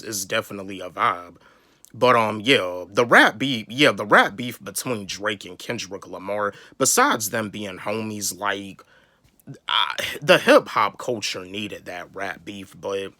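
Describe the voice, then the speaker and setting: A young YouTube hip-hop commentator from North Carolina in the US South rambles casually about a rap feud, often repeating words as he talks. His voice is on the low side with a sharp tone, and there's no room sound.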